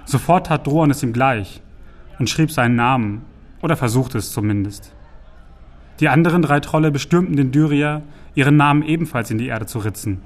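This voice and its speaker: Male narrator for a fantasy audiobook, measured and steady storytelling. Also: mid-range voice.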